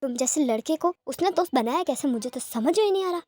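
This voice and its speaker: A woman's voice: high-pitched, expressive, fast. A woman voicing a stern, angry father harshly scolding his son in an audio story. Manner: harsh, scolding, shouting questions.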